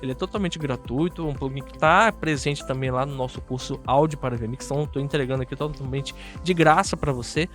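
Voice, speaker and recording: A man's voice: medium pitch, fast, few pauses, fairly bright tone, soft background music. A man with a Brazilian Portuguese accent hosting a casual video tutorial, chatting straight to viewers and often checking in with short tag questions. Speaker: host of an audio software tutorial channel.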